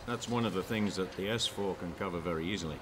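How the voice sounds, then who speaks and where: A man whose voice has been electronically disguised, sitting very low in pitch. He answers interview questions as an informant in plain, short, matter-of-fact statements. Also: quick pace, heavy background noise.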